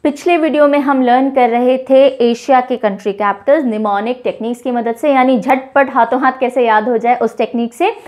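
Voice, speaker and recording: A young woman teacher with a high, bright voice runs a lively mnemonic lesson. She mixes Hindi and English and acts out small playful scenes to make facts stick. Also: moderate pace, hardly any pauses. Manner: playful, animated storytelling with mini scenes.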